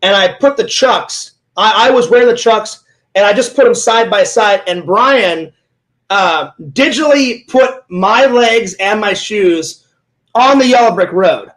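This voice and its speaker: A man hosting a casual chat, an excitable, rambling storyteller who keeps retelling what he said. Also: high-pitched, unhurried, rough recording. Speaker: host.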